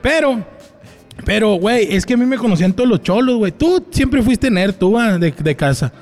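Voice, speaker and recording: Animated Sinaloan man telling stories. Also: high voice, moderate pace. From Mexico, Culiacán. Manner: animated storyteller, heavy slang. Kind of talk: casual chat, storytelling.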